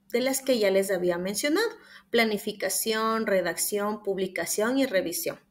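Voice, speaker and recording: A young student presenter with an Ecuadorian Spanish accent and a slightly high voice gives a class presentation from slides. She explains things step by step and reads the examples aloud.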